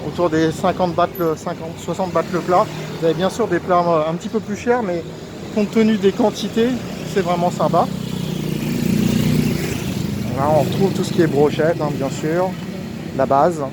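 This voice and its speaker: High-voiced man talking through a face mask. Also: fairly even intonation, moderate pace. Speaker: vlogger, street food guide. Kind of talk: casual walking tour narration. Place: outdoors at a busy street market and station. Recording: outdoor street recording with clear traffic noise. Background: urban street noise, vehicles.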